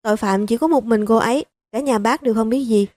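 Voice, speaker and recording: A woman voicing a hot-tempered male police chief who speaks bluntly and forcefully, in an audiobook reading. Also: fairly high pitch, fast talker, no echo, pitched above the performer's own voice, natural voice. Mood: firm.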